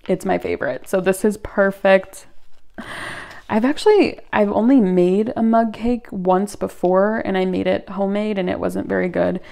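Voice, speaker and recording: A woman hosting her own channel, chatting through an unboxing in a gushing, giggly, excitable way. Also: medium pitch, gravelly. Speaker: channel host. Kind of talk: casual unboxing chat.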